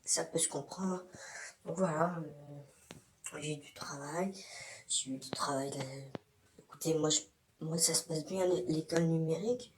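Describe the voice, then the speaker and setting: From his bathroom, a YouTuber rambles frankly to his community in a casual vlog, his man's voice run through an altering filter to disguise it. The voice sits a little high with a steady tone, and he speaks unhurriedly with long pauses and many hesitations. Slight background noise is audible.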